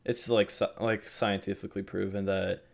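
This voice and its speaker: A man's voice: deep voice, normal speed, vocal fry. Young man co-hosting a casual podcast. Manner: relaxed, teasing, talks in rambling bursts. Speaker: podcast co-host. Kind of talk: casual chat.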